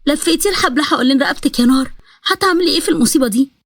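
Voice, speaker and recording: A woman with an Egyptian accent voicing an older, worried royal mother, soft-spoken and anxious. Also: sits high, very fast, no echo, clean studio sound. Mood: regretful. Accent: Egyptian Arabic.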